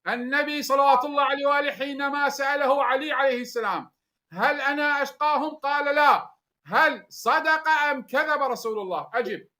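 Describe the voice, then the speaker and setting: A man's voice: extremely high pitch, brisk, pushed and bright. A man, interrupting and demanding answers. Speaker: debater. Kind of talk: heated religious debate.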